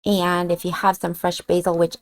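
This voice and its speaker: Chatty woman cooking at home, lowish voice. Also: monotone, moderate pace, a little hiss or hum. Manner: chatty and homey, thinking aloud while cooking and tasting. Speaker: cooking vlogger. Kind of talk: casual cooking demonstration. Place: home kitchen.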